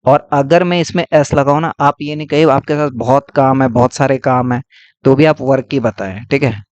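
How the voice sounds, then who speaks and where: A man's voice: medium pitch, fairly even intonation, moderate pace, a little mellow, muffled recording. A man teaching English grammar, explaining patiently and repeating key points with frequent checks. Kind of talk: classroom-style lesson.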